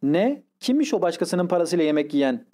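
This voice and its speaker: An insolent, sneering young clerk who mocks from across the table, as a man reads him aloud. The voice is a bit high and soft in tone. It is a plain audiobook reading. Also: very animated, brisk. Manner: mocking.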